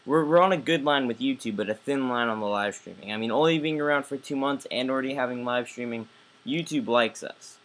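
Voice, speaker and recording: A man's voice: mid-range voice, fairly quick, fairly bright tone. A man hosting a casual live-stream chat, rambling with many fillers and restarts. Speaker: host.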